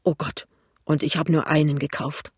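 Ein Mann liest einen verlegenen, hastigen jungen Ehemann in einem Hörbuch. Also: male voice, a little high, level tone, husky, dry recording, clean studio sound. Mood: flustered. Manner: hurried, embarrassed. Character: flustered young husband, shy and hasty. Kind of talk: audiobook reading.

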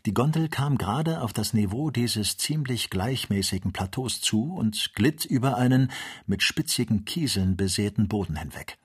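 A male narrator reading an audiobook in a measured, even way. His voice is low and slightly husky, and the delivery stays steady. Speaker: audiobook reader.

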